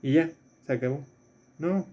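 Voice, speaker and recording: Profesor de voz oscura y pausada. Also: male voice, a little high, mellow. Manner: explains step by step, repeats key terms, checks in with "¿sí?". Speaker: philosophy teacher. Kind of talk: recorded remote lesson reviewing exercises.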